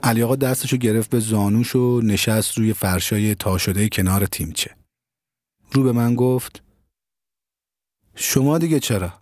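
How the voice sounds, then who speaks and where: Calm male storyteller, dry close sound. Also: on the low side, dry recording. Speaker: narrator. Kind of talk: audio story narration.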